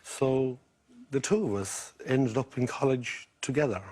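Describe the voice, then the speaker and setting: A middle-aged man from County Mayo with a west of Ireland accent and a husky voice, chatting about his life as a game show contestant. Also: mid-range voice, unhurried, a little mellow.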